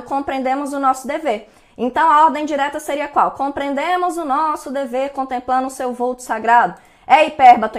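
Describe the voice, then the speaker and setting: A woman with a Brazilian Portuguese accent, teaching an online exam-prep lesson in a chatty way and checking in often with her students. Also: high voice. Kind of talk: online lesson, going over exam answers.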